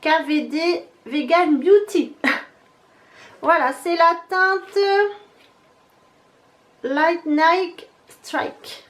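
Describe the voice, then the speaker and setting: A woman's voice: very high voice, drawn-out words, pauses often, a bit bright. A woman in her thirties chatting casually to camera as a beauty vlogger, showing products one by one. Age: 30s. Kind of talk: casual haul chat.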